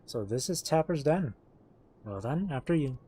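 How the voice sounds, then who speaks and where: A man's voice: mid-range voice, animated, moderate pace, warm tone, slightly rough. A man streaming a game, reading its written dialogue aloud and acting it out as he goes. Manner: acts out the written dialogue as they read.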